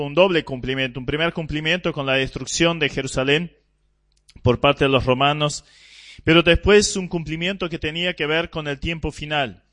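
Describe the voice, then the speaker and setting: A man preaching an expository sermon, teaching in a measured way with pauses and restarts. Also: fairly high pitch, fairly bright tone, dry recording, studio quality.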